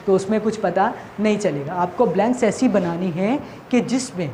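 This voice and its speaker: Mellow and mid-range, the voice belongs to a woman teacher from Pakistan speaking with an Urdu accent. Her recorded lesson for children has her asking and answering her own questions while repeating the main points, over faint background noise.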